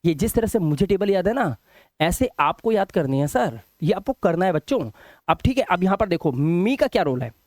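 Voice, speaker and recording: A male teacher explaining English grammar to viewers, speaking slowly and repeating words and spellings in a sing-song drill. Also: high-pitched, very animated, a little mellow, dry recording, clean studio sound. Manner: explains slowly with repetition, addresses viewers directly; drills word lists in a slow, sing-song rhythm. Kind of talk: spoken English lesson in Hindi.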